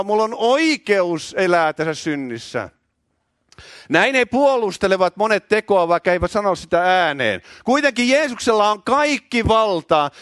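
A man of middle age delivers a charismatic sermon in a church, shouting with fervour. His voice sits high, and the recording is dry, with little room sound. He repeats words when he gets carried away. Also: no room sound. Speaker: preacher.

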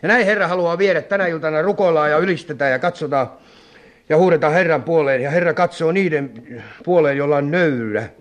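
A man preaching a fervent sermon as an evangelist, repeating phrases and swinging between loud calls and hushed asides. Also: on the high side.

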